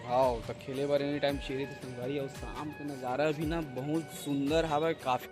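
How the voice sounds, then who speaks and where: Outdoors around his house and rooftop, a man with a Chhattisgarhi accent hosts a casual family vlog, showing off his home and chatting with viewers like friends. His mid-range voice has little pitch movement and a normal speed, with background music playing.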